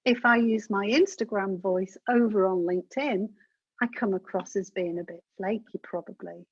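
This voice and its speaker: A woman's voice: medium pitch, steady tone, normal speed, breathy edge, dry recording. A woman giving a business webinar in a chatty, practical way, talking straight to her audience. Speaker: webinar presenter. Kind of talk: instructional webinar talk. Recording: dull dry webinar audio.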